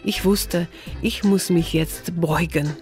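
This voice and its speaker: Slow, measured woman narrator. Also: on the low side, steady tone, darkish tone, soft background music. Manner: measured, poetic. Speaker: author and narrator. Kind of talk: scripted literary narration.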